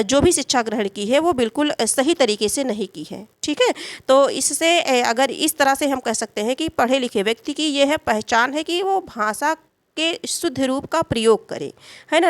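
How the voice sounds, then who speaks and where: A woman with a high voice teaches an exam-prep grammar lesson. She repeats key terms, asks and answers her own questions, and keeps checking in with her students. The recording is dry and close, with no room sound. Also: no echo.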